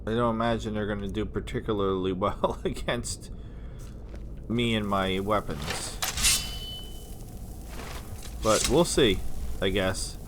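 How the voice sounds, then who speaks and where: A man's voice: on the low side, slow, pauses often, noisy background. A man giving casual, wry commentary while playing a video game. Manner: offhand, wry. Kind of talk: casual let's-play commentary.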